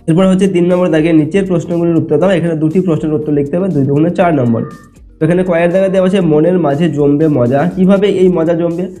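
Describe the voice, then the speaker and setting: Man teacher, slightly high mellow voice, patient and step-by-step, soft music underneath. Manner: explanatory, checks in often with "ঠিক আছে?". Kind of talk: exam answer walkthrough lesson.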